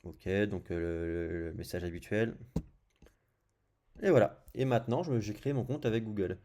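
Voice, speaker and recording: Tutorial host: male, French accent, deep-ish warm tone, relaxed screen-share narration full of small fillers. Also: normal speed, slight background noise. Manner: thinks aloud while clicking through screens, frequent "hop" and "euh". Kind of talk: casual screencast coding tutorial.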